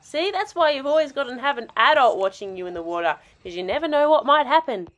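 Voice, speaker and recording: A woman's voice: high voice, big pitch swings, fast, a bit bright, pitched below the performer's own voice. A woman voicing a cheerful, encouraging adult male cartoon dog, a dad and uncle, in children's toy role-play. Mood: reassuring. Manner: hearty, reassuring, encouraging.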